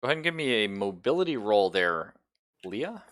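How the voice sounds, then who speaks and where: Improvising as game master of a horror tabletop roleplaying game, a man tells the story in halting, suspenseful fashion. His lowish voice has a sing-song quality and a fairly bright tone.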